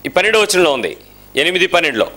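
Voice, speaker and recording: A man preaching a lively sermon in church, firing rhetorical questions at his listeners and slipping English phrases into his speech. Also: sits high, fast. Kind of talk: sermon to a congregation.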